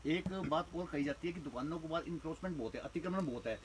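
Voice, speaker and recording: A man's voice: a little high, quick pace. A male reporter asking direct, probing questions in a street interview.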